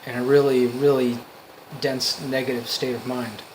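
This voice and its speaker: A man giving an off-the-cuff motivational monologue, earnest and emphatic, in halting phrases that repeat for emphasis. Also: medium pitch, flat delivery, slight background noise, low-quality recording. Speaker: amateur motivational speaker.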